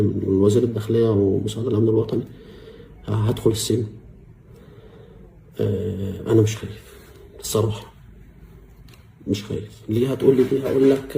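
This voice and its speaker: An earnest man with an Egyptian Arabic accent speaks in a deep, very dark and mellow voice. He halts often and repeats his words, keeping a grave tone with religious language. Faint noise sits behind him. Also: vocal fry. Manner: earnest and halting, with frequent hesitations and repeated words. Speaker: former security officer making a public statement. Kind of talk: personal video statement.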